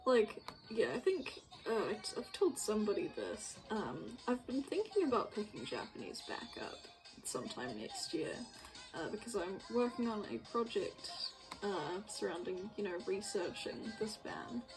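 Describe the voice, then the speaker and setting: A streamer making visual novel artwork chats casually while she works, rambling, giggling and poking fun at herself. Her medium-pitched voice is sing-song at a normal speed, with music playing behind her on a rough recording.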